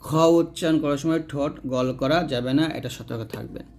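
A man teaching Arabic letter pronunciation to adult learners, slowly and patiently, repeating each sound and asking questions he answers himself. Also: medium pitch, vocal fry, a little mellow. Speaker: Quran teacher. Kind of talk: step-by-step pronunciation lesson.

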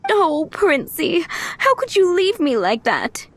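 A woman voicing a sweet, fussy, doting young townswoman in a video game, speaking in a gentle, expressive way. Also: extremely high pitch, slow pace, exaggerated voice. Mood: relieved, doting. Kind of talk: video game character dialogue.

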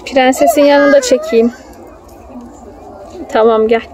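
With a high, steady voice and a slow pace, a young mother talks casually to her child while recording on a handheld phone. They're at an outdoor children's theme park, and crowd noise and faint outdoor ambience come through.

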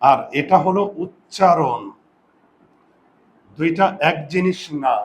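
A man teaches a classroom lesson, firing questions at his students and slowly dragging out sounds to demonstrate them. His voice sits a little higher than most men's.

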